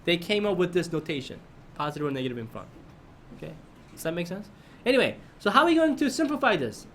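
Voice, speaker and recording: A man's voice: sits high, sing-song, fast talker, a bit bright, slight background noise. A man teaching a math lesson to his class, often prompting students with questions and checking that they follow.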